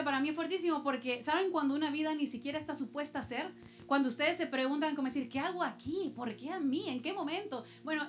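High-voiced woman pastor preaching. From El Salvador. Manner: personal storytelling with rhetorical questions to the congregation. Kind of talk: sermon.

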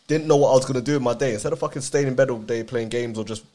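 A man's voice: medium pitch, very fast, mellow. A young man with a London roadman accent, chatting casually and telling stories in slangy, sweary street talk. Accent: London roadman, multicultural London street. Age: young adult. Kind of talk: casual chat, storytelling with friends.

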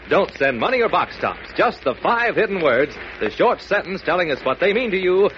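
An old-time radio announcer, a man with a fairly high, animated voice. He reads scripted notices emphatically to young listeners over a muffled, faintly noisy broadcast.

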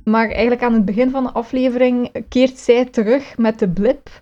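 A woman's voice: on the high side, steady tone, moderate pace, warm tone, lo-fi sound. A woman recapping a series episode on a podcast, rambling and correcting herself with many fillers. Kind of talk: casual chat.

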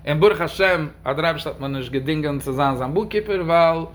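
A man with a high, quick voice gives a religious talk and answers questions. He speaks emphatically and keeps pushing the stress up on key words. Faint noise sits behind him.

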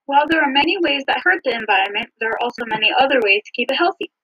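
A woman co-hosts a podcast with a bright, somewhat husky voice, chatting casually and often saying um. She comes through a low-quality phone line that sounds muffled and dry. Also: expressive, rapid-fire. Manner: casual, with frequent ums. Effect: low-quality phone recording. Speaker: podcast co-host. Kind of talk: casual scripted podcast chat.

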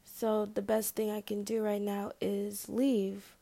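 A young woman speaking slowly into a personal video diary, her voice gravelly with vocal fry. She hesitates and restarts often and at times sinks into a near-whisper. The recording is close and dry, with no room sound. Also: medium pitch, monotone, no echo. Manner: hesitant, halting, full of fillers; drops to a soft whisper at times. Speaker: vlogger.

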